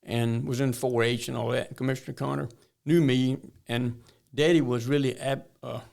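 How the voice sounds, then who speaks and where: A man's voice: mid-range voice, fairly even intonation, normal speed, creaky, darkish tone. An older man from north Florida with a rural Southern drawl, telling stories in a folksy way as an interview guest. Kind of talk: storytelling interview talk.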